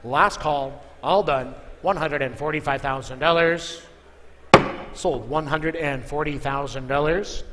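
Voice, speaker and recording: A fairly high-pitched man, unhurried in delivery, works as an auctioneer in a large indoor room, chanting figures and calling for bids. Echo from the hall and clear background noise fill the recording.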